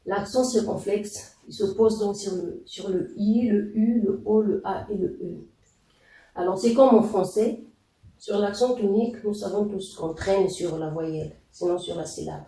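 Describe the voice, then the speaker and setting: A man teaching a language lesson, explaining slowly and deliberately with pauses and fillers. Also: high voice, steady tone, vocal fry, mellow, recorded from a distance. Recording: echoey room, voice off-mic.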